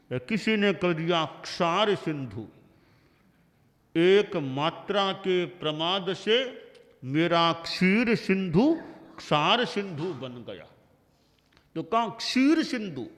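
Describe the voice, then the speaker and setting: Slow, lively-voiced older man preaching in a hall. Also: high-pitched. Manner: slow, measured teaching with examples and pauses. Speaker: Jain acharya giving a discourse. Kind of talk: sermon. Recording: long hall reverb.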